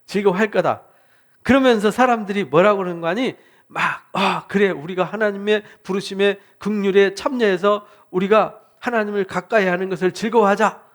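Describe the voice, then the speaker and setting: Korean pastor guy, high voice, fired up sermon, keeps asking the crowd questions and doing little voices. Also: a little fast. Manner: animated, questioning the listeners, acting out voices of the people. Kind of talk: expository sermon.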